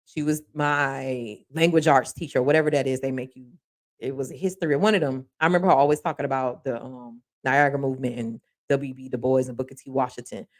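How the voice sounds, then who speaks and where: A young woman from Miami hosting a podcast, talking candidly and bluntly about her school days, swearing freely with animated rises in pitch. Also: fast talker. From Miami, Florida. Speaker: podcast host. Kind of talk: casual commentary monologue.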